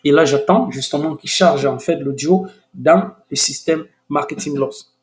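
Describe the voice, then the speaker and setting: A man with a fairly high voice hosts a screen-recorded software tutorial. He talks with frequent restarts and hesitant fillers, turning eager as he shows off the results. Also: unhurried. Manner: enthusiastic.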